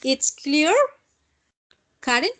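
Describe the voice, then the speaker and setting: A woman's voice: sits high, drawn-out words, fairly bright tone. A woman teaching an English grammar class, explaining patiently and checking in with "¿sí?" after each point.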